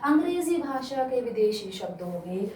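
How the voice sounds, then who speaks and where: A woman's voice: a little high, sing-song, a little slow, a little mellow, far from the mic, slight background noise. Haryanvi woman teaching in an echoey room. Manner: emphatic, repeats key words, addresses listeners as children. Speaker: Hindi teacher. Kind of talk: exam-prep lesson to students.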